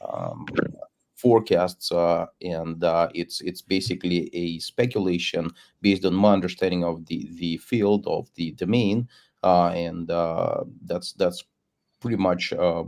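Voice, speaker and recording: A man gives a webinar presentation as a solution architect over a video call, speaking in a measured way and repeating words as he thinks. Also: sits low, gravelly, a little mellow.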